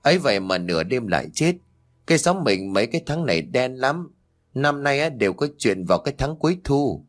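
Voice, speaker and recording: A man voicing a gossiping village neighbor woman who talks in hushed, chatty tones. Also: medium pitch, sing-song, fairly quick, soft background music, close to an everyday voice.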